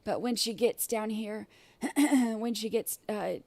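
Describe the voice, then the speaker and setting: Hosting a casual livestream, a woman talks slowly with a medium-pitched, dark voice that sounds scratchy and irritated. She clears her throat often and rambles, full of fillers and restarts. The recording is dry.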